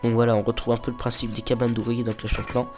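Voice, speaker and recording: A let's play host talks fast in a level, medium-pitched voice over music. Suffering a stuffy nose from a cold, he comments casually on his mobile game, hesitant and filler-laden, occasionally reading the game's dialogue out loud.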